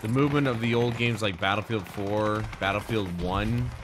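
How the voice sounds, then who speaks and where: Male game streamer, lowish voice, informal and sweary self-talk over loud battle noise. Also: normal speed. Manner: profane, informal, muttering to himself. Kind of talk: casual live gameplay commentary. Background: video game battle sounds.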